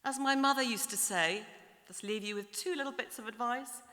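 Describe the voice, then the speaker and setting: A middle-aged woman giving a formal, measured graduation address from a podium, building her points through lists and repetition in a large ceremony hall. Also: a little high, pushed and bright. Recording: long hall reverb in a large hall.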